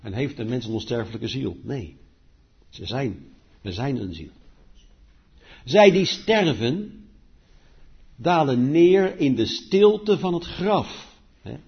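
Husky emphatic preacher. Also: male voice, mid-range voice, animated, slow pace, long pauses. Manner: emphatic, swings between loud declaiming and quiet asides. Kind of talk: sermon. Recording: dull lo-fi recording.

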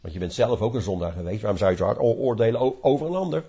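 A man's voice: fairly low pitch, lively intonation, racing, warm tone, husky, lo-fi sound. A man preaching a sermon, emphatic, often repeating and restarting phrases.

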